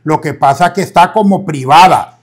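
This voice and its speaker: A man's voice: on the high side, a little fast, breathy edge. A man playing a fretful, talkative husband in a comic sketch. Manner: fretful, talkative, uses voseo.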